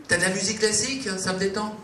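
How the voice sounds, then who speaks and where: A woman's voice: medium pitch, fast talker, a bit bright, echoey room, distant mic, slight background noise, voice pushed up, natural voice. A man voicing a blunt, nervous woman on a first date, firing off anxious questions in a raised voice. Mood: fretful.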